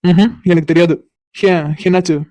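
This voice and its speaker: A woman's voice: fairly low pitch, steady tone, moderate pace, dark tone, dry recording, lightly acted. A woman voicing a cocky, stubborn young man in a cartoon, teasing and insistent. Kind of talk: cartoon voice acting.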